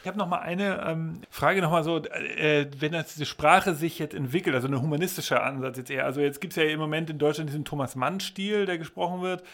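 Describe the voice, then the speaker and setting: A man hosts a podcast interview in a voice that sits fairly high for a man. His questions are long and wander as he talks. He often breaks off and starts his sentence over. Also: brisk, few pauses, a bit bright. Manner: long rambling questions with restarts. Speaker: podcast host.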